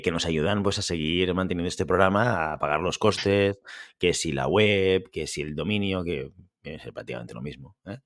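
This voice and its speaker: A man's voice: sits low, no echo, studio quality. A man from hosting a casual podcast, chatty and tagging his sentences with a questioning "eh". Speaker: podcast host.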